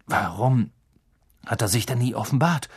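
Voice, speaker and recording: A man reading an audiobook, voicing a middle-aged male teacher who speaks with measured, tense restraint. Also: medium pitch, expressive, husky.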